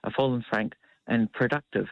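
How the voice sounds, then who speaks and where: A man, a foreign policy analyst speaking in a measured, hedging way with frequent ums and uhs, heard with a tinny radio-speaker sound. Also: medium pitch, fairly even intonation, no room sound. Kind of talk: radio news interview. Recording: dull lo-fi dry radio sound.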